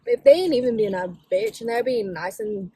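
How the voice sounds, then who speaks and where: A woman's voice: fairly high pitch, very animated, brisk, mellow, breathy edge, no room sound. A woman co-hosting a casual chat, blunt and opinionated, with plenty of slang. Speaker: co-host.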